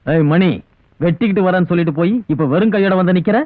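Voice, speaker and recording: A man playing a gruff scolding father. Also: high voice, fast talker, no echo, lightly acted. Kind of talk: comic film dialogue. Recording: tinny film soundtrack with music.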